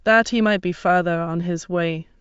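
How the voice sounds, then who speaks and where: A proud young mistress of a house bites out her words with cold scorn, as a man puts her on. The voice sits well above his own and comes out very smooth. The recording is dry and a little dull. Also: high voice, steady tone, moderate pace, fairly bright tone, no room sound, voice pushed up. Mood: scornful. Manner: scornful, cutting.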